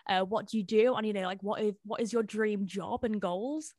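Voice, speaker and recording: A woman's voice: medium pitch, steady tone, normal speed, a little mellow, no echo, clean studio sound. A woman hosting an interview show, talking in a casual, informal and slangy way.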